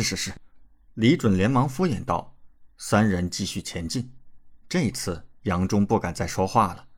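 A man narrating a web novel audiobook in an expressive storytelling manner. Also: fairly low pitch, breathy edge.

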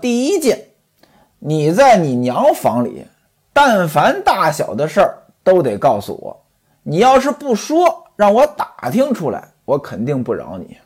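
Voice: medium pitch, wildly swooping pitch, measured pace, a little mellow, husky, full character voice. A storyteller voicing Pan Jinlian, a scheming bossy mistress. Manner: scolding, domineering. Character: scheming sharp-tongued young mistress, a woman.

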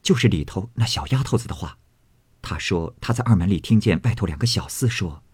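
A man voicing a gentle, loyal young maidservant who reports quietly and carefully. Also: sits low, animated, brisk, slightly rough, no echo, exaggerated voice.

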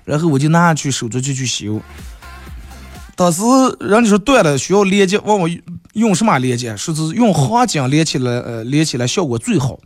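A man hosting a show, telling funny listener stories in a lively way and jumping into high put-on voices for quotes. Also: a little fast, dry recording, soft background music. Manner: animated, jumps into high-pitched voices for quotes. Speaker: host reading listener stories. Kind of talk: comic storytelling.

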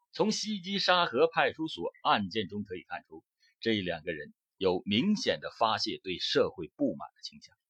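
A man narrates a true-crime case from a script, his pitch rising and falling widely as he builds emphasis. His voice is slightly husky. The recording is dry and dull, with no room sound. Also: a bit bright, no echo. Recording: dull close-miked dry audio.

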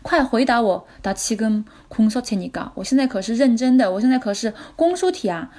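Brisk woman teaching drama phrases. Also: on the high side, expressive, a little mellow. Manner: repeats phrases slowly, then explains them. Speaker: language teacher. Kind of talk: language lesson explaining drama lines.

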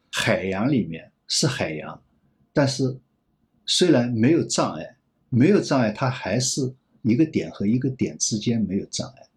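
一位男性银行业专家在访谈中回答问题，说话边想边讲，常重复词句。. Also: male voice, mid-range voice. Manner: rambling, repeats phrases while reasoning aloud. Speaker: banking expert guest. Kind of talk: thoughtful interview answers.

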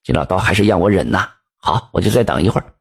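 A man voicing a middle-aged shopkeeper, quick to anger but holding himself back. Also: sits low, animated, vocal fry, slightly rough, voice pushed down, heavily acted. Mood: grudging. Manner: blustering, exclaiming. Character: middle-aged male shopkeeper, hot-tempered but restrained.

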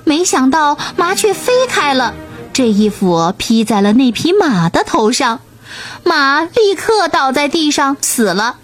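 A woman narrating a children's bedtime story, gentle, clear and expressive. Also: high voice, a little slow. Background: soft music.

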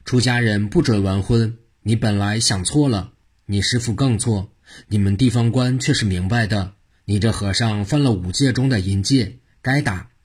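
A man's voice: lowish voice, normal speed, breathy edge. A man voicing a pompous, stern prefect judge who questions officiously in a told story. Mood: scheming.

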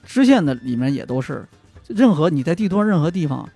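A man in casual gaming chat who gets excitable, swears freely and steers the discussion. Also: a little high, brisk, vocal fry, husky, soft background music.

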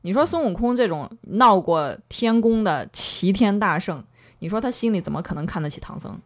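A woman's voice: medium pitch, lively intonation, normal speed. A woman co-hosting a casual chat, chiming in and finishing her partner's sentences. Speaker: podcast co-host. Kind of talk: casual chat about a classic novel.

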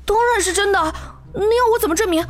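A woman's voice: very high voice, fast. A woman voicing an earnest young voice-actor applicant who pleads politely and stammers in panic, in an audio drama with faint music. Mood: pleading. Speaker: applicant Zhang Yiming.

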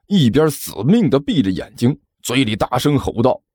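A man narrating an audiobook in an animated storytelling manner. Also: medium pitch, moderate pace, breathy edge, no room sound, studio quality.

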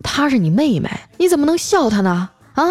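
A stern mother voiced by a woman, scolding with a sarcastic edge. The voice climbs high and loud as she presses each point. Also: very animated, a little fast, dry recording.

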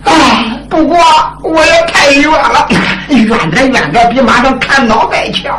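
A man's voice: extremely high pitch, moderate pace, loud music behind the voice. A man voicing an aggrieved old prince who pleads and complains that he was the one wronged, in a drum-ballad story. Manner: whining, plaintive, defensive. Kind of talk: drum-ballad storytelling with spoken role-play. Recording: roomy, loud instrumental accompaniment.

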